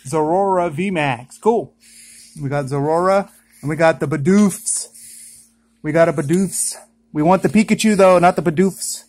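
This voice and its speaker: Chatty vlogger doing casual unboxing commentary indoors; mid-range pitch, excited outbursts. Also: a little slow. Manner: chatty, excited exclamations at each pull. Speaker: card-opening vlogger. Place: indoors at home.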